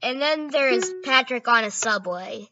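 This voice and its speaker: A woman's voice: on the high side, measured pace, lo-fi sound. A woman hosting a gaming video, narrating casually and often correcting herself mid-sentence.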